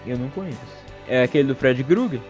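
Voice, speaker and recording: A young man co-hosting a podcast in casual chat, quick and joking. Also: medium pitch, darkish tone, faint music behind. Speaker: podcast co-host.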